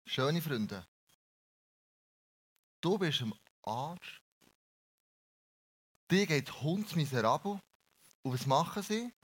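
A man's voice: on the high side, animated, slow, long pauses. A man preaching a sermon in a blunt, colloquial way with slang.

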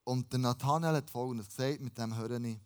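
A pastor preaching a lively, casual sermon and dropping in English phrases. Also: male voice, mid-range voice, brisk, clear, resonant tone.

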